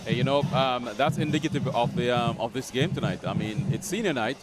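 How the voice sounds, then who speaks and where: A man doing casual color commentary at a high school football game, easygoing and agreeable. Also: brisk, loud music behind the voice. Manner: easygoing, agreeable, lots of yeps. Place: outdoor football stadium.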